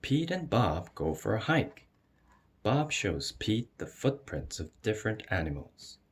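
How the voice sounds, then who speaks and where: A man with a very low, husky voice narrates a children's storybook. He takes his time over each phrase, with plenty of expressive rise and fall. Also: a little slow. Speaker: storyteller reading a children's picture book aloud. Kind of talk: expressive read-aloud narration.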